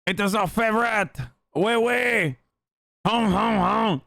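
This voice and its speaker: A man putting on an exaggerated mock Quebec French accent, playing a proud, loud French-Canadian man who shouts slowly. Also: sits high, vocal fry, dry recording, studio quality, voice pushed up, heavily acted. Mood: boastful.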